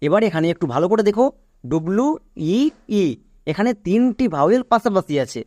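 A man's voice: high-pitched, animated, a little fast, darkish tone, no echo. A man teaching English pronunciation, spelling words out letter by letter and quizzing his students. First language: Bengali. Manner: spells words letter by letter and asks the class questions. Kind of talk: spelling-rule lesson.

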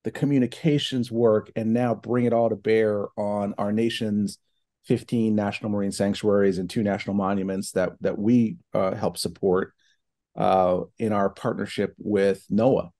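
Middle-aged guy on a video call from his home office, lowish mellow voice, lots of uhs and you knows. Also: steady tone, normal speed. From New Hampshire and Ohio, United States. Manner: thoughtful, many fillers and restarts. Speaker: guest, foundation president. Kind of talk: casual online interview. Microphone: video call from laptop.

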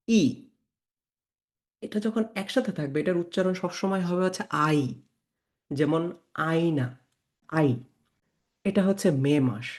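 A man teaching German pronunciation to beginners, slowly spelling out letters and repeating words aloud, with English words mixed into his speech. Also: on the high side, creaky, a little mellow.

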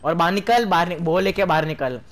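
A young man with an Indian accent giving quick, excited callouts to a teammate during a shooter game, often laughing, on a headset mic. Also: high voice. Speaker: gaming streamer. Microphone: gaming headset. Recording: noisy game audio behind.

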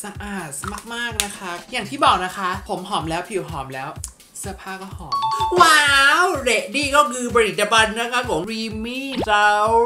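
A woman's voice: mid-range voice, roomy sound. A woman beauty vlogger presenting products in a playful sponsored sketch, chatty and bubbly, using old-fashioned courtly address. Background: music.

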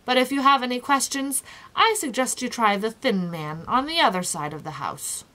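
A woman's voice: fairly high pitch, lively intonation, normal speed, bright, forceful tone, pitched above the performer's own voice. A woman voicing a proud, cheerful, fussy ordinary-sized man in a storybook, with an emphatic, self-important manner. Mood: bright, welcoming.

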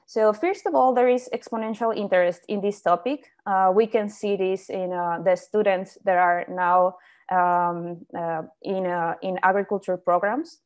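A young woman, giving a slide presentation over a video call, pausing often on fillers and restarting her sentences. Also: medium pitch, fairly even intonation, darkish tone. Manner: hesitant, many fillers and restarts. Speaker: invited speaker on indoor farming.

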